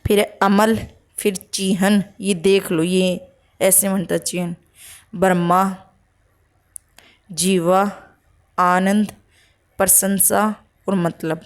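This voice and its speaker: A woman teaching spelling for an exam, slowly reading out word lists and checking with short asides. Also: mid-range voice, steady tone. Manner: slow, listing words one by one with "ठीक है" checks.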